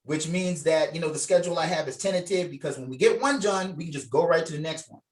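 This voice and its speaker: A fast-talking man with a fairly high voice hosts a script read on a video call, captured by its mic. His tone is casual and upbeat as he encourages the group and reads the scene directions.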